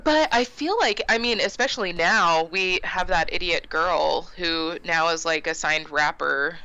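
A woman co-hosting a podcast, talking in a quick, chatty way with fillers. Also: on the low side, bright, forceful tone, muffled recording. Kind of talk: casual podcast chat.

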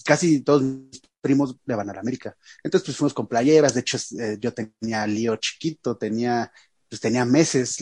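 A man's voice: mid-range voice, breathy edge, no room sound, clean studio sound. A man with a Mexican accent, a podcast co-host chatting casually and telling a story full of slang. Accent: Mexican Spanish. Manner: animated storyteller, heavy slang, acts out quotes. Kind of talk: casual chat, reading listener questions.

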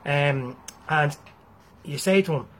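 A man's voice: a little high, slow pace, slight background noise. A man with an Irish accent giving a blunt, freely swearing motivational talk to his viewers. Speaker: motivational speaker.

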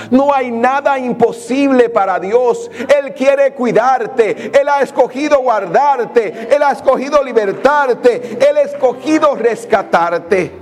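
A man's voice: sits high, darkish tone. A man preaching a sermon with fervor, building up through strings of repeated declarations.

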